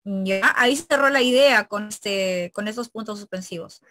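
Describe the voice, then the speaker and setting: Bright-voiced woman teaching a spelling lesson. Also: medium pitch, moderate pace, no echo. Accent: Peruvian Spanish. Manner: explains step by step with frequent tag questions.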